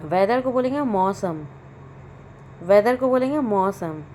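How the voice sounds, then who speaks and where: A woman teaching English vocabulary, saying each word and its meaning twice in a slow, deliberate drill. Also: medium pitch, animated, a little mellow, slight background noise.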